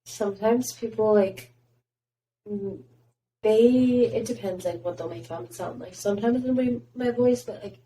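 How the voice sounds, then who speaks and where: A woman's voice: medium pitch, unhurried. A young woman with a Southern US accent, chatting loosely as a podcast guest with lots of fillers. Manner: relaxed, filler-heavy talk. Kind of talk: casual chat. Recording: distant from mic, faint noise.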